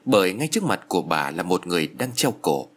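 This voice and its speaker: A man's voice: deep voice, big pitch swings, fast talker, a little hiss or hum. A man narrating a spooky audiobook with dramatic storytelling.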